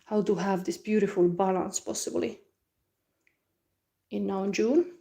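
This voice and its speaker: A woman reads tarot cards live, her voice mellow and warm at a middling pitch. She talks in a soft, musing way, pausing on hums and restarting her phrases as she turns each card. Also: little pitch movement, creaky. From Finland. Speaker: tarot reader.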